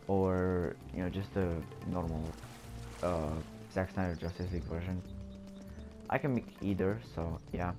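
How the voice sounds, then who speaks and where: A man giving casual gameplay commentary as host, rambling and hesitant as he thinks aloud. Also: low-pitched. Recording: voice-over with game music behind.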